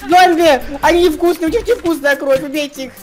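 A woman's voice: high voice, brisk, natural voice. A woman voicing a whiny, insistent young vampire girl with a craving to feed, in a Minecraft role-play. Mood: alarmed. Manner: insistent, chanting repetition. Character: whiny girl turned vampire, then zombie, craving blood and brains.

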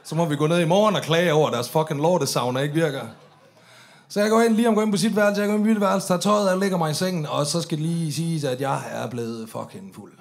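Swearing man telling a story. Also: a little high. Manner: swearing, animated, acts out drunk voices. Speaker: comedian telling a story on stage. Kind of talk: stand-up storytelling.

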